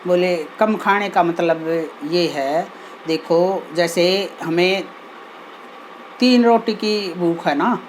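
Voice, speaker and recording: A woman's voice: on the low side, a little mellow, a little hiss or hum, poor audio. A woman telling a homely moral story in a chatty, folksy way, often tossing in little asides to her listeners.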